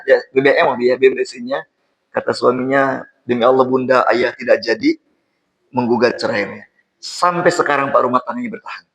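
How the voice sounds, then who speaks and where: A man's voice: mid-range voice, a bit bright, low-quality recording. A man preaching an informal sermon to a congregation, repeating phrases and often addressing his listeners directly.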